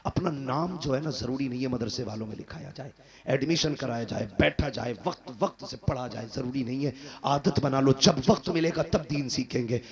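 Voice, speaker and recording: A man preaching a fervent religious sermon, swinging from loud exhortation to low, earnest tones. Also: moderate pace, a crowd in the background. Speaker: Islamic preacher. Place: madrasa gathering.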